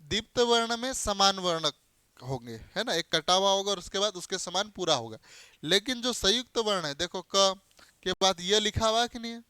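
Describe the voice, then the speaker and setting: A man teaching a grammar class in a high, crisp voice. He keeps asking the class questions and then answering them himself, hammering home each key term. The sound is dry and close, with no room around it. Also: animated, moderate pace, bright, forceful tone, no room sound. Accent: Hindi. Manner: explains by spelling out letters and giving everyday examples.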